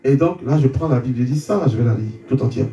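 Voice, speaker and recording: A man tells his story in a mellow, warm voice, stumbling over repeated words as he acts out the exchanges. He sits back from the mic in a roomy space, and a faint hum runs underneath. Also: medium pitch, animated, fast talker, recorded from a distance. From Côte d'Ivoire. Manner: stumbling repetitions, re-enacting dialogue. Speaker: guest giving a testimony. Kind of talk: conversion testimony, storytelling.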